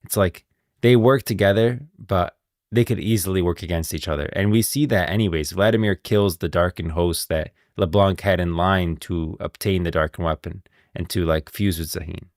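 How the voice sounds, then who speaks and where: A male streamer chats casually about game lore in a very low, creaky voice during live stream commentary, musing and thinking aloud at a moderate pace. The recording is close and dry.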